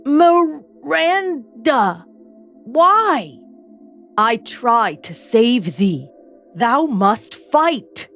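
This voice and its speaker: A woman's voice: fairly high pitch, big pitch swings, drawn-out words, a bit bright, faint music behind, exaggerated voice. A woman voicing a brutish male island monster who slurs and spits his words. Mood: pained. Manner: slurred, spitting.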